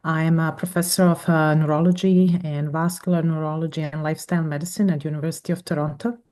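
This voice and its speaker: A woman from Croatia, a neurology professor, introducing herself haltingly on a video call. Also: low voice, level tone, a little mellow. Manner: halting, many fillers.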